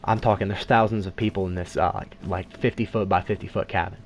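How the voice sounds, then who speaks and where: Fast-talking, low-voiced male storyteller. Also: steady tone. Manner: rambling, joking, lots of "you know" fillers. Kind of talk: casual storytime narration.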